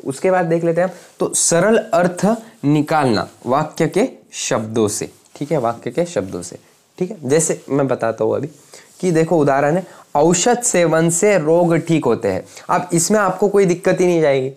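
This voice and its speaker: A young man explains concepts to a camera using everyday examples, often breaking off to check that viewers understand. His voice is a little high with a darkish tone, and the delivery is lecture-style.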